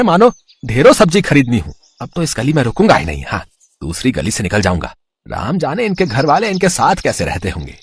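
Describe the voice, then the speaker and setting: An actor voicing an annoyed street vegetable seller in an animated story, who grumbles to himself about a stingy customer. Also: male voice, on the high side, breathy edge, no room sound, exaggerated voice.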